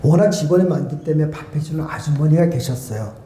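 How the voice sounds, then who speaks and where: A male guest pastor preaching a sermon and telling a personal story, acting out remembered conversations and moving between loud and hushed speech. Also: a little high, animated, quick pace. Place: church sanctuary. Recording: echoey church hall.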